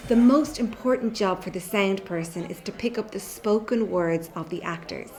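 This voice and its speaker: Speaking at an ordinary speed, a middle-aged woman with a medium, somewhat dark voice hosts a children's theatre workshop. She walks kids through warm-up exercises with simple explanations and encouragement. The recording comes from an echoey, bare room inside her home.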